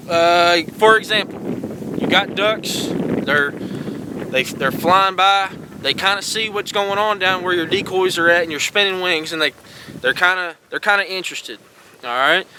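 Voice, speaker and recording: A man's voice: high voice, unhurried, long pauses, noisy background. A man giving folksy, encouraging outdoor lessons, repeating "all right" and "guys" often. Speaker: host teaching duck calling. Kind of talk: casual outdoor instruction.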